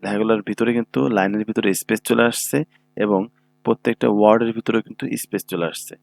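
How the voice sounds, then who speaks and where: A man's voice: on the low side, little pitch movement, fast talker, gravelly, no echo. A man giving a screen-recorded computer tutorial, explaining each step patiently and often checking that listeners follow. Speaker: computer instructor. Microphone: own microphone.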